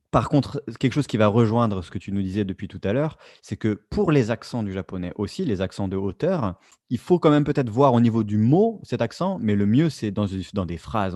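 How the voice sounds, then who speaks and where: A man with a low, dark, mellow voice reflects aloud on a casual podcast. He often restarts his phrases and fills the pauses. The recording is dry and close to the mic. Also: animated, no room sound. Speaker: podcast co-host.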